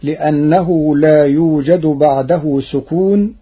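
Slow, husky-voiced man teaching recitation. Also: on the high side, fairly even intonation, muffled recording. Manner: measured, methodical explanation with verse quotes drawn out slowly. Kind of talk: explaining Quranic recitation rules.

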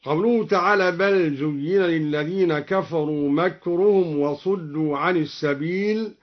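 A man teaching Quran recitation variants, explaining each one and then reciting the verse as an example in a measured way. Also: high-pitched. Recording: dull lo-fi recording.

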